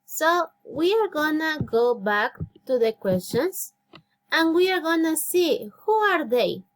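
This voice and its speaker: A woman's voice: high-pitched, expressive, slow. A woman in her thirties with an Ecuadorian Spanish accent, teaching a beginner English lesson. She talks patiently, repeats phrases and praises often. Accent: Spanish-speaking Ecuador. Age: 30s. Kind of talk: slow, clear classroom instruction.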